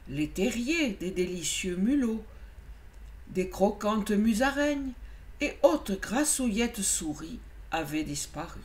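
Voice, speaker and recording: Slow, expressive woman reading a storybook. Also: mid-range voice. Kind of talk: reading a children's picture book aloud.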